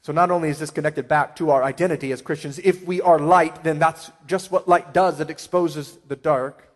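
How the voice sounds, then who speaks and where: A male pastor preaching a sermon with emphatic swells and quiet asides. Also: a little high, steady tone, moderate pace. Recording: long hall reverb.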